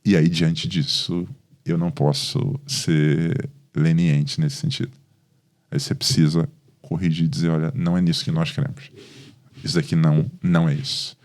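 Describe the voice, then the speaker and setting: A man's voice: extremely low pitch, normal speed. A Brazilian man, a pastor, speaking in a podcast conversation, telling stories with animation and acting out the dialogue. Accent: Brazilian Portuguese. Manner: animated storytelling, acts out dialogue.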